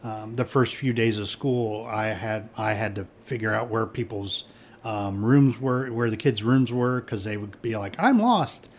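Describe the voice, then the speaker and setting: A man's voice: fairly low pitch, steady tone, unhurried, slight background noise. Easygoing middle-aged man, rambling chat. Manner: easygoing, rambling with many fillers and restarts. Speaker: police chief. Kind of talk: casual conversation.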